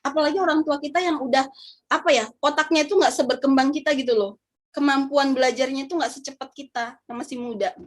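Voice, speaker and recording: A woman's voice: high voice, quick pace. A young woman giving an emotional, conversational religious talk, addressing her listeners directly and at times getting choked up. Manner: emotional, gets choked up and apologizes. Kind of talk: heartfelt casual talk.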